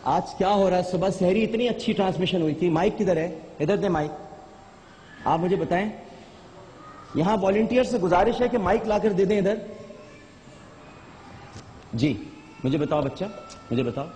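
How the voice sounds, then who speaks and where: A man with a high voice hosts a live show and coaxes his guests with insistent questions. The sound carries a long hall reverb with faint noise underneath. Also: normal speed, long pauses, mellow. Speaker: TV show host.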